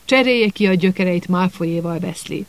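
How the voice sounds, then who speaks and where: A male narrator voicing a spiteful, cold schoolteacher who hisses his orders with menace. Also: high voice. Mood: cold menacing. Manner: hissing, menacing.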